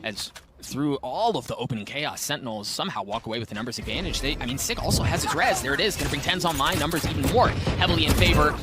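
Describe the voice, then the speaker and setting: A man working as an esports caster, calling a match with fast, excited play-by-play that moves between tense tracking and shouted calls. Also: on the high side, noisy background. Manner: animated, swings from hushed tracking to shouted calls.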